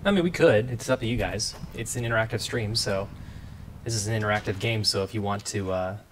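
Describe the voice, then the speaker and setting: A man's voice: fairly low pitch, flat delivery, brisk, noisy background. A young man hosting a casual game livestream, chatting with viewers with lots of fillers. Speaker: livestream host. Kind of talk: casual gameplay stream chat. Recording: game music playing behind.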